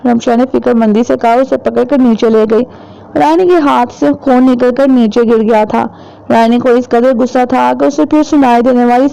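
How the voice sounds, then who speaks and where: Woman reading a horror novel aloud, steady and measured, smooth highish voice. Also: low-quality recording. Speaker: audiobook narrator.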